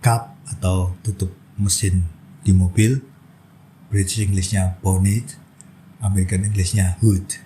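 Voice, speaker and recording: A man teaching a vocabulary lesson, reading out word pairs one after another in a slow, steady, patient way. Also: low voice, slight background noise, rough recording. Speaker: English teacher.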